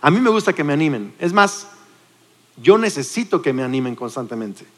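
Pastor in his forties, fairly high voice, emphatic sermon delivery, big reverberant hall. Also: big pitch swings, brisk. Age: 40s. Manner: preaches with rising emphasis, calls on congregation to repeat words.

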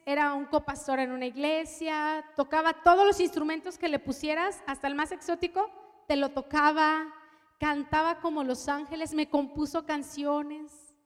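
A woman preaching a personal testimony, telling her story with strong emotion and dropping to a hush at tender moments. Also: high-pitched, big-room sound. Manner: emotional storytelling, shifts from loud to hushed. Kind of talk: testimony sermon.

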